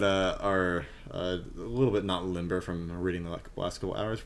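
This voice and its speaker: A man's voice: low voice, a little hiss or hum. A man narrating as game master of a tabletop game, describing scenes in a loose, rambling way with many fillers.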